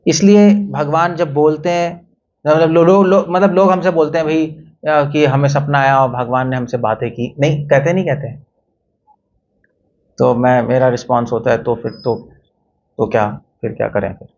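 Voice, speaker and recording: A man's voice: on the high side, moderate pace, darkish tone, a little hiss or hum. A man giving a conversational devotional talk, mixing in English phrases and putting questions to his listeners. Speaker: temple speaker. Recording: dull lo-fi recording.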